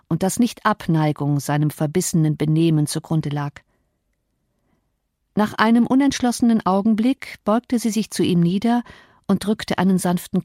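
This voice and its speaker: A woman reading a novel aloud as an audiobook narrator in a calm, measured way. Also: on the low side, dry recording, clean studio sound. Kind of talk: scripted narration.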